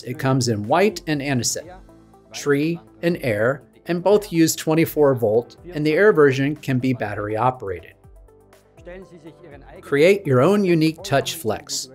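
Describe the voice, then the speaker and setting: A man in his thirties presenting a scripted product keynote with a polished, promotional delivery. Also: mid-range voice. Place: studio stage with dark backdrop.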